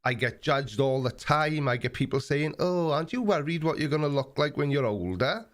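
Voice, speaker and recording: This Australian man in his forties is casually hosting a live stream and answering viewers' comments. He's relaxed and plain-spoken with plenty of ums, and his voice sits on the high side at a normal speed.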